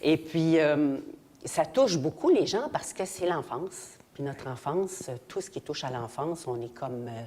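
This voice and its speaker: A woman's voice: sits low, expressive, measured pace, mellow. An older Québécois woman, a guest actress, telling stories in a casual interview and briefly mimicking voices.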